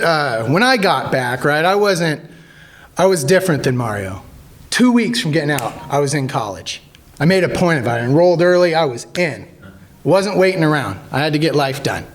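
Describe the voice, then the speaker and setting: A man in his thirties, an army veteran, telling stories casually to a group, joking and halting with many fillers. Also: on the high side. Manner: jokey, animated when acting out quotes.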